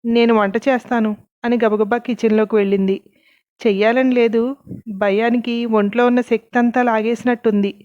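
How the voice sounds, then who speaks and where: A woman narrating a scripted story with a steady, even reading. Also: a little high, moderate pace, no room sound, dull audio.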